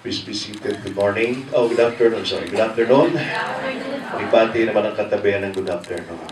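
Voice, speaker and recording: Male priest, Filipino accent, low-pitched, measured declaiming delivery, heard from afar in cathedral-like echo. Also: big pitch swings, a crowd in the background. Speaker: priest, homilist. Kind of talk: liturgical reading and sermon. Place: large echoing church interior. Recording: cathedral-like echo, distant mic, faint noise.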